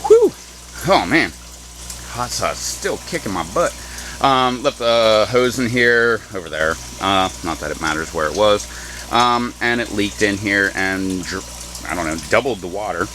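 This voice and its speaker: A man's voice: on the low side, animated, unhurried, pushed and bright, low-quality recording. A man giving a casual, unscripted walk-around as a gardening vlogger, offhand and self-deprecating. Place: small greenhouse garden beside running water. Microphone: handheld camera mic. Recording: handheld camera, clear water and pump noise.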